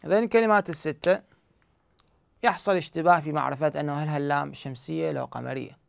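Gravelly Iraqi man teaching recitation. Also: a little high, fast talker, dry recording. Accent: Iraqi Arabic. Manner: patient step-by-step explaining, asks and answers his own questions. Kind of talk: explanatory lesson.

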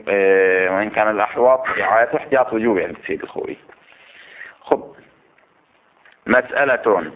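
A man teaching a class on recitation rules, explaining step by step and asking the students questions. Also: medium pitch. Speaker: religious teacher. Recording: tinny phone-like lo-fi recording.

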